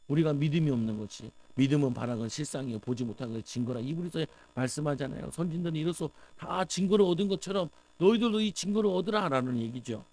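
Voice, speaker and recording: A middle-aged man preaching to his congregation, his voice sitting a little high for a man. He talks in an emphatic, conversational way and keeps asking rhetorical questions. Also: a little mellow, low-quality recording. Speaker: pastor. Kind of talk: sermon.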